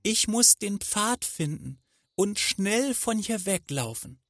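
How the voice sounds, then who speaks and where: A man voicing an excitable little girl in a fairy tale, speaking in a high, bright childlike voice. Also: slow, heavily acted. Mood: anxious.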